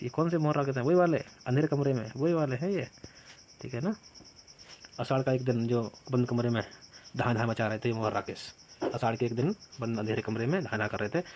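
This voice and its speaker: A man's voice: mid-range voice, darkish tone, lo-fi sound, slight background noise. Guy teacher doing exam prep, jokes around with silly memory tricks, asks and answers his own questions, faint crickets chirping behind. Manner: addresses students as "bhaiya". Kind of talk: exam-prep quiz lesson.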